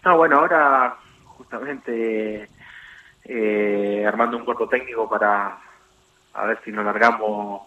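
Low-voiced Argentine man on a tinny phone line. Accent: Argentine Spanish. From Argentina, Chubut. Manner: halting, many fillers and restarts. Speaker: guest, former footballer turned coach. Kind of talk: phone interview on radio.

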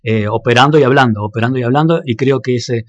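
Argentine man, radio announcer, fast and halting, dry close sound, casual interview. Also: mid-range voice, no echo. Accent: Argentine Spanish. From Argentina, Jacobacci. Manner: hesitant, many fillers and restarts.

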